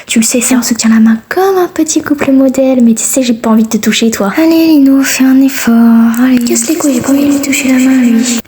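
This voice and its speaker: A woman's voice: high-pitched, quick pace, dark tone, slightly rough. A young woman doing a comedic amateur fan dub, voicing several characters in a brash, slangy manner.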